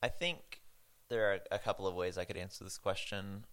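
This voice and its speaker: A man on a church discussion podcast, speaking in a measured, thoughtful way and questioning his own views. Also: low voice, fairly bright tone. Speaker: podcast co-host.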